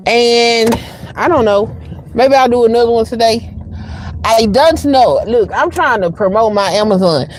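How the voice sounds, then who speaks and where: A woman's voice: fairly high pitch, a little slow, darkish tone. Sassy Southern woman, middle-aged, casual livestream host, noisy room with passing cars. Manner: chatty, sassy, talks straight to viewers.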